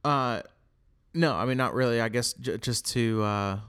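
A man co-hosting a podcast, giving examples in casual chat with dry, teasing humor and fillers as he thinks out loud. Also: mid-range voice, a little slow, clear, resonant tone. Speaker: podcast co-host.

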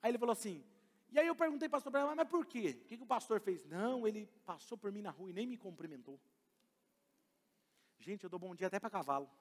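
A middle-aged pastor with a Brazilian Portuguese accent preaches a sermon in a church hall, addressing the congregation directly and with emphasis. His high voice is very animated and fast, and the recording carries a long hall reverb.

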